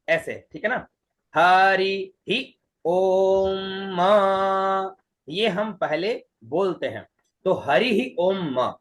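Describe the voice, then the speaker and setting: A man's voice: a little high, slightly rough. A man teaching Vedic mantras online. He breaks each word into syllables, repeats it several times, and chants the full verse. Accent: Hindi. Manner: spells out syllables slowly, then chants the mantra.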